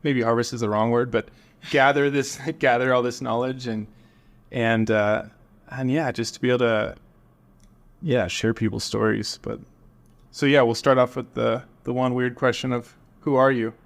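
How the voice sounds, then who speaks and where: A man's voice: medium pitch, fairly even intonation, moderate pace, vocal fry. Laid-back rambling podcast host man. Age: 30s. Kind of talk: casual interview chat.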